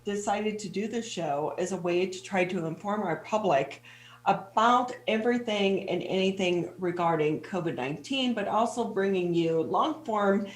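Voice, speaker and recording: A woman's voice: mid-range voice, normal speed, echoey room. A woman hosting an interview show from her home studio, upbeat and chatty. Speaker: host.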